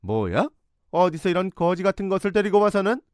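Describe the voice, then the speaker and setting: A man's voice: a little high, fast talker, clear, resonant tone, dry recording, studio quality, voice pushed up, lightly acted. A man voicing a domineering middle-aged mother who scolds imperiously. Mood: shrill scorn.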